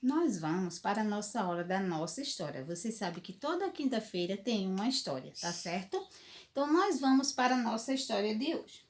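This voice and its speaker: A woman teacher giving a recorded lesson to young children, patient and step by step, often checking in with the class. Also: high-pitched. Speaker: primary school teacher.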